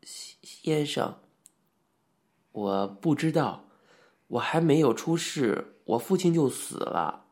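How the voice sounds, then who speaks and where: A man's voice: on the high side, expressive, takes it slowly, creaky, long pauses, darkish tone, heavily acted. A man voicing a timid young man who answers in a thin, whispery, stammering voice.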